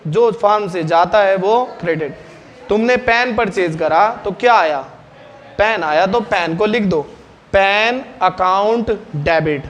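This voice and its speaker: Man, teacher, high voice, classroom lesson, quick questions to students, faint background hum.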